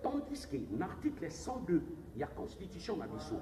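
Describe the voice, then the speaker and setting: In a political interview, a male presidential candidate with a Congolese accent presses his argument insistently and moves between languages as he speaks. He sits high in pitch with huge swings at a moderate pace, and the distant, echoey recording has a crowd and room noise behind him.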